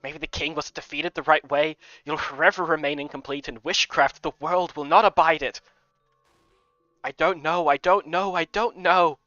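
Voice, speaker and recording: A man voicing an older head housemaiden woman with a slight Scottish accent, soft and pleading, reading a game aloud. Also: a little high, steady tone, moderate pace, no room sound, faint music behind. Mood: sorrowful. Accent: slight Scottish put-on. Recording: dull lo-fi recording.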